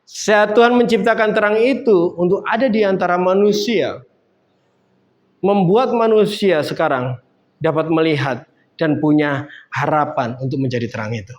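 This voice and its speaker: High-voiced man preaching a casual sermon. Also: moderate pace. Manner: casual, conversational preaching with rising emphasis. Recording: dull lo-fi sound.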